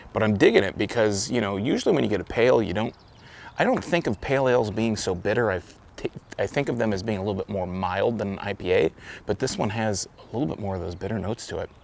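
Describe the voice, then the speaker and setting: A man with a fairly low, gravelly voice casually reviews a beer out in the wind. His talk rambles loosely and he corrects himself repeatedly. Wind noise sits in the background.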